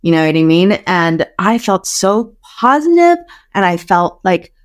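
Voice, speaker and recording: A woman's voice: lowish voice, big pitch swings, measured pace, clean tone. A woman hosting a podcast, chatty and upbeat, telling personal stories in casual conversation. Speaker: podcast host.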